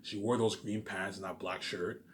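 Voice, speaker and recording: This vlogger's fairly low voice holds a steady tone at normal speed as he rambles in a relaxed monologue. He's emphatic, boastful and foul-mouthed, repeating himself and answering his own questions.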